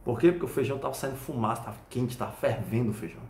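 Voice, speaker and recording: A Brazilian Portuguese-accented man, a Krav Maga instructor, explains self-defense through a lively personal anecdote. He keeps pausing to check that the listener understands. His mid-pitched voice carries a noticeable room echo. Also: vocal fry, a little hiss or hum. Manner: animated storytelling with frequent checking questions. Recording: echoey room.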